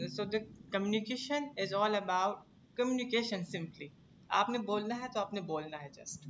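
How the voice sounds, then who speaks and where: A man with a Pakistani accent teaching a live English class, explaining slowly and deliberately. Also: high voice, lo-fi sound, noisy background. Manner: slow, deliberate, stretching English phrases.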